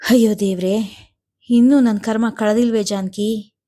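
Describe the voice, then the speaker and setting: A woman's voice: fairly high pitch, steady tone, normal speed, mellow, lightly acted. A woman doing an ailing, rueful man. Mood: lamenting. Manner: sorrowful, lamenting. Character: sick middle-aged man, pained and rueful.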